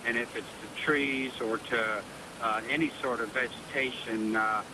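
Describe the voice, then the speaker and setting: A man speaking as a company spokesman in a news interview, measured and official, with many fillers. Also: medium pitch, steady tone. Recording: on-location outdoor noise.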